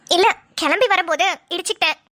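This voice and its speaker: A woman voicing a lively young woman who teases her childhood friend in quick banter. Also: very high voice. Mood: teasing.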